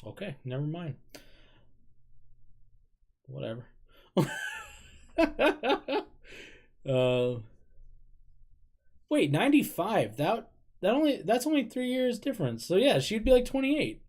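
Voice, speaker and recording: A K-pop reaction YouTuber in his thirties has a high, darkish voice whose pitch swoops wildly. He speaks slowly with frequent pauses, chatting loosely over a reaction video, self-deprecating, rambling and laughing now and then.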